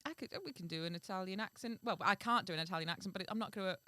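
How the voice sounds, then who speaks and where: A woman's voice: mid-range voice, racing, sharp tone, dry recording. A young woman co-hosting a podcast, chatting casually and reading a fairy tale aloud, giggly between passages. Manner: chatty, giggly, reads story passages in a steadier tone. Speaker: podcast co-host and storyteller.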